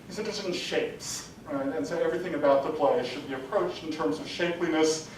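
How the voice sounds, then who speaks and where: A man giving an adult-education lecture, rambling and full of "sort of, you know" fillers. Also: brisk. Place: lecture hall. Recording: distant mic in a very echoey room with faint rumble.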